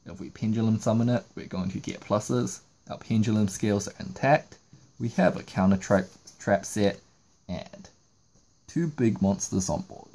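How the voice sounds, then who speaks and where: A trading card game YouTuber narrates a tutorial, explaining each move of a card game in sequence. His voice is fairly low and dark, at a normal speed, and his manner is explanatory.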